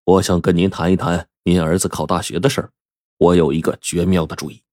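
A man's voice: low voice, level tone, a little mellow, dry recording, studio quality, lightly acted. A man doing a sighing, scheming village teacher. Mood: eager. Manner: sighing, measured. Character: village schoolteacher, middle-aged man, scheming.

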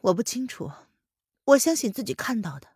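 A woman's voice: fairly high pitch, very animated, a little fast, a little mellow, slightly rough, no echo, studio quality, voice pushed up, heavily acted. A woman voicing a proud young consort who answers curtly and coolly. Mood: cold. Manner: curt, cool.

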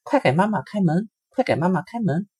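A man voicing a group of excited little rabbit children in a storybook reading. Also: brisk, slightly rough, no room sound, clean studio sound. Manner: squeaky high chorus-like exclamations.

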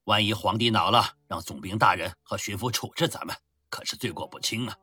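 A man's voice: lowish voice, brisk, pushed and bright, breathy edge, no room sound, studio quality. A man voicing a cautious, scarred army captain who mumbles while chewing, sounding worried. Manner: mumbling with a full mouth, worried.

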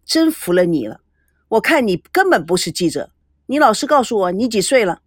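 A woman's voice: mid-range voice, big pitch swings, fairly quick, breathy edge, dry recording, clean studio sound. A woman voicing an exasperated young man in an audio story, curt and irritated.

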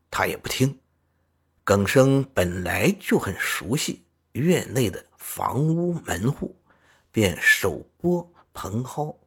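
Slow, husky male storyteller. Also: medium pitch. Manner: measured, expressive classical-tale reading. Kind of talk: storybook narration.

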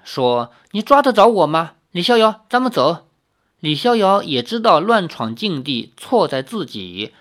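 A man's voice: fairly high pitch, a bit bright. A man reading a novel aloud as a storyteller, stopping to explain the plot in his own words. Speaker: audiobook reader.

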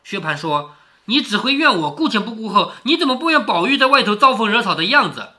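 A middle-aged man reads a classic story aloud at home, breaking off to explain it in plain talk. His pitch swings widely as he asks rhetorical questions, and his tone is bright and forward. He sounds close to the mic. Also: big pitch swings, brisk. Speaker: storyteller reading a classic novel to his daughter. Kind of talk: casual read-aloud with commentary.

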